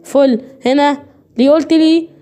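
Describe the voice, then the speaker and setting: A woman's voice: high voice, steady tone, normal speed, warm tone. A woman with an Egyptian accent teaching English online, repeating and drilling each point while addressing her students directly. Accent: Egyptian Arabic. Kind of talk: online lecture.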